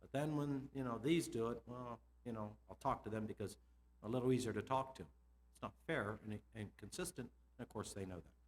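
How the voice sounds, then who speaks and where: Middle-aged man, school administrator, conference talk, lively, quizzes the audience. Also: mid-range voice, a little fast. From United States. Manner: lively, asks the audience questions, laughs between points.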